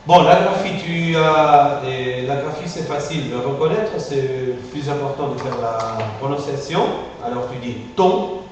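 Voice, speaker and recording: A male phonetics teacher giving a classroom pronunciation lesson, patient and drilling sounds slowly with many repetitions. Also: medium pitch, darkish tone. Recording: echoey room, far from mic, faint hiss.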